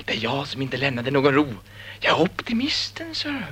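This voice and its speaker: A man's voice: mid-range voice, wildly swooping pitch, sharp tone, breathy edge, exaggerated voice. A man voicing a relentless optimist inner voice. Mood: exultant. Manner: insistent, rising to ecstatic declarations. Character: relentless male inner voice, pushy eternal optimist. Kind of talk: radio play acting.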